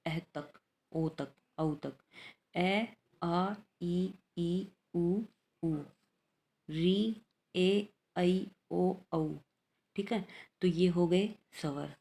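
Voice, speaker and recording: A woman's voice: fairly low pitch, dark tone. A woman teaching an elementary language lesson, patiently reading out letters and exercises and checking in after each point.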